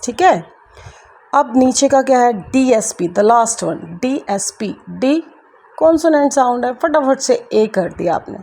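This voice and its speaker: Her voice is a little high and mellow: a woman from India with an Indian accent, patiently teaching English grammar at a board. She keeps repeating key points and refers to her students as kids.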